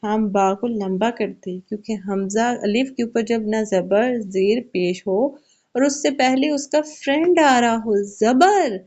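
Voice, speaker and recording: Woman, children's Quran recitation teacher, step-by-step explaining, slightly high pitch, dull lo-fi recording. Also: darkish tone. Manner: patient, explains step by step, asks and answers own questions; slows to recite verses carefully. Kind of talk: Quran tajweed lesson for kids.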